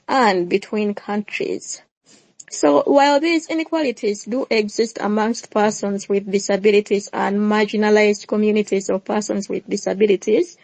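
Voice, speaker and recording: A woman's voice: medium pitch, darkish tone, dry recording, rough recording. A woman hosting a panel discussion, reading a formal introduction. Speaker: host, moderator.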